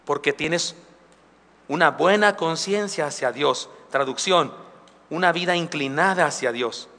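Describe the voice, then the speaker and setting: Male pastor, bright voice pitched a bit high, chatty sermon, church with long reverb. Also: measured pace. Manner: conversational preaching, with asides and humor. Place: church sanctuary. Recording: live church recording with long hall reverb.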